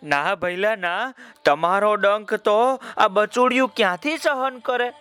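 A man's voice: high-pitched, measured pace, sharp tone, clear, resonant tone, faint music behind. A man voicing a caring mother ant who frets over her little one. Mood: fretful.

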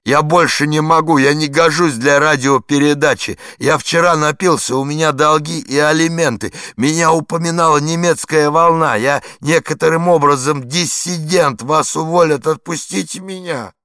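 A man's voice: on the low side, measured pace, fairly bright tone, no room sound, studio quality, voice pushed up. A man reading an audiobook voicing a nervous, hungover former prison guard turned linguist, with flustered, increasingly frantic pleading.

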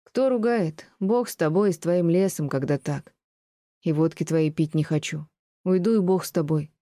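A woman voicing a blunt, resentful peasant man who answers in curt, gruff retorts, as an audiobook reading. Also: low voice, normal speed, dark tone, no room sound, studio quality, close to an everyday voice. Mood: defiant. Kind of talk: audiobook reading of classic prose.

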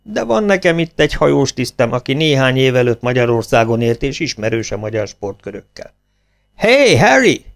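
A man voicing a hearty old English ship captain who calls out loudly and stammers over hard names. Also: medium pitch, vocal fry, close to an everyday voice.

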